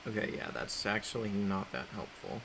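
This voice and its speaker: A man's voice: fairly low pitch, very animated, normal speed, vocal fry, background noise. A man casually chatting on a livestream while drawing, reading chat aloud, rambling and laughing often. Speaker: artist streaming while drawing.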